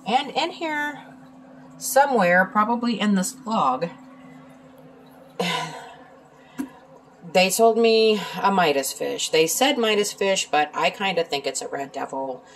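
A woman with a low voice talks casually beside her aquarium at home. She has the hiccups and keeps pausing with ums and little excuse-mes. A faint hum of room ambience sits behind her. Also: animated. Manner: halting, filler-heavy, with hiccups and throat clearing. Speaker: aquarium hobbyist vlogger. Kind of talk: casual vlog.

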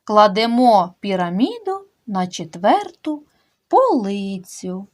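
A young woman teaching a kindergarten literacy lesson, addressing small children and splitting words into syllables with slow emphasis. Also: mid-range voice, big pitch swings. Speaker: preschool teacher.

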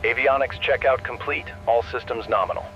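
A man calling out crisp procedural checks as ground crew. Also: medium pitch, a little fast, muffled recording, music in the background. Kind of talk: clipped radio-style call-outs.

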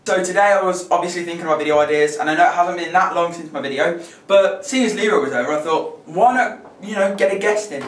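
A man's voice: high voice, fast, hardly any pauses, a bit bright, slight background noise. A young man hosting a casual vlog, introducing things informally. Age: young adult. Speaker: host. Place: small bedroom, standing back from camera. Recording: echoey room, distant mic, music behind.

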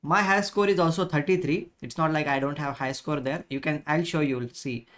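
Indian-accented man, halting and casual. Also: on the high side, fairly bright tone. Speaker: chess instructor and live stream host. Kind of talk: casual live stream chat while playing chess.

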